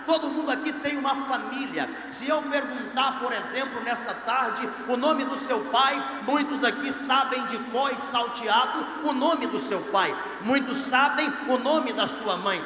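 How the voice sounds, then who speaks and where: A man's voice: extremely high pitch, unhurried, hardly any pauses, pushed and bright, slight background noise. A male pastor preaching a sermon to a youth congress in an emphatic, rising preacher's cadence. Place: large congress hall. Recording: echoey hall, faint crowd ambience.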